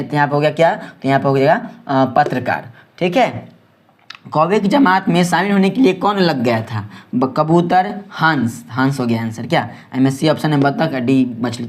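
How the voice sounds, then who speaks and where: A man with a Bihari Hindi accent tutors students through a class ten exam quiz. He talks fast and keeps repeating check-in questions after each answer. It sounds like a close voice-over. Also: on the high side. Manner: quick, repetitive, keeps asking "ठीक है?". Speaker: teacher.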